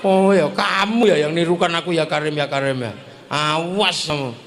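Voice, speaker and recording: A man's voice: a little high, moderate pace, a bit bright, voice pushed down, close to an everyday voice. A man with a Javanese accent voicing a naive, stubborn village man who blurts out blunt threats and pleas. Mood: threatening.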